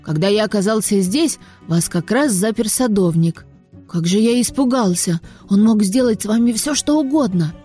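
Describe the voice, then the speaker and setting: A woman voicing a clever, shy young boy in glasses who speaks in a hushed, explaining way in a storybook reading. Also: mid-range voice, animated, normal speed, husky, faint music behind.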